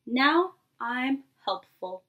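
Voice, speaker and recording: In a small indoor bedroom, a preschool teacher in her twenties reads aloud expressively to young children and speaks to them directly. Her high, somewhat bright voice is very animated with drawn-out words, though the audio sounds dull.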